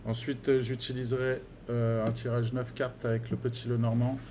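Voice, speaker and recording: A man talks through a tarot reading in an easygoing, stop-start way, often pausing on fillers and repeating words. He keeps urging his listeners on. His voice sits at an everyday middle pitch, and a steady noise hangs under the recording. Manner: hesitant, many fillers and restarts, encouraging. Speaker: tarot card reader. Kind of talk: casual spoken guidance.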